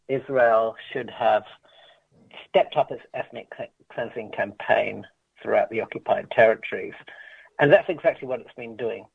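A man speaks over a narrow, tinny phone line, his voice gravelly and a little husky. He gives a steady, measured explanation as an activist interviewee. The sound is thin and boxed in. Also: mid-range voice, dry recording. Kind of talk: explaining political context.

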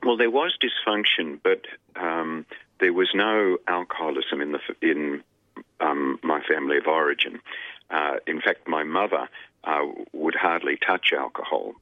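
An Australian man, a radio guest, telling his life story in a halting way with many pauses and fillers. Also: very deep voice, dry recording. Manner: halting, many ums and uhs. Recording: dry tinny phone line.

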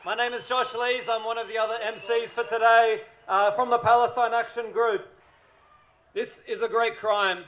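A man addresses an outdoor protest rally as one of its MCs. His voice is high for a man, with a bright and forceful edge. He delivers his speech in a rousing way and often raises it to a shout.

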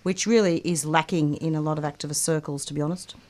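A woman hosts a community radio talk show, chatting easily between segments and leaning on fillers. Her voice sits a little low for a woman. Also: fast. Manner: relaxed, chatty announcing with fillers.

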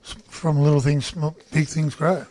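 A man's voice: a little high, fairly even intonation, normal speed, dark tone. A middle-aged Australian man chatting casually in a wry, matey tradesman's manner. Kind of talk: casual chat.

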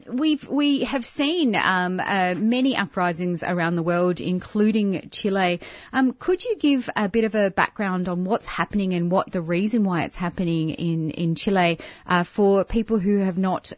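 A woman's voice: on the low side, moderate pace, few pauses, no room sound. Woman, radio host, AM radio sound, muffled lo-fi band, dry and close. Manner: reads the guest introduction smoothly, then hesitates with many ums when asking questions. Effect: AM radio broadcast sound. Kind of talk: community radio talk show hosting. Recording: dull, dry, lo-fi AM radio broadcast.

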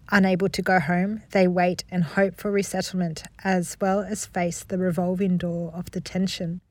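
A woman hosting a community radio current affairs program, reading in a measured, formal way. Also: lowish voice, a little mellow, no room sound. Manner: measured, formal scripted delivery. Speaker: radio host.

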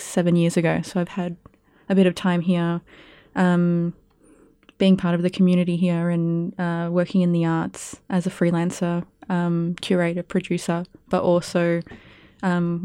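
Her voice is on the low side, mellow and clean, recorded dry in a clean studio. She's a young Australian guest from Perth, Western Australia, an arts curator and producer whose first language was Spanish, reflecting on interview questions casually with plenty of ums and likes.

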